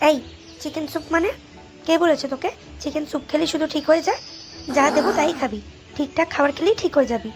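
A woman's voice: high voice, quick pace, long pauses, music in the background, lightly acted. A woman voicing a scolding but caring mother in a cartoon, nagging her daughter. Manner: nagging, scolding, then soothing. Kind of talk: Bengali cartoon voice acting.

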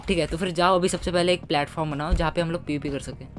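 A man doing casual gameplay commentary for his gaming videos. He is chatty and excitable and keeps calling his viewers "guys". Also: fairly high pitch, very fast, faint music behind.

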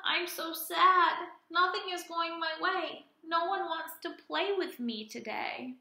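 A woman voicing an emotional alligator from a children's storybook, with emphatic, drawn-out words. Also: extremely high pitch, vocal fry, sharp tone, reverberant, pitched above the performer's own voice, heavily acted. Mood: sad.

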